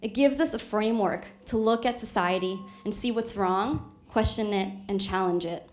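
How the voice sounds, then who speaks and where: A woman's voice: mid-range voice, moderate pace. Earnest woman giving a persuasive stage talk. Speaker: speaker.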